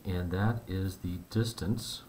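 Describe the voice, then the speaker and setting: A man teaching a math lesson, explaining step by step in a relaxed, conversational way. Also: deep voice, slow, slight background noise.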